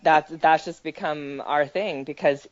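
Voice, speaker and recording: A woman's voice: sits low, fairly even intonation, a little slow, slight background noise. A woman co-hosting a casual sports podcast, chatty and teasing her co-host. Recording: dry, dull lo-fi podcast audio.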